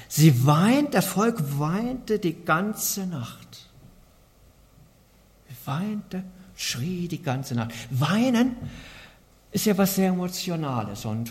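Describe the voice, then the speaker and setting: A man preaching a sermon in an earnest way, asking the congregation many rhetorical questions. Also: a little high. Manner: earnest, asks rhetorical questions, varies loudness a lot.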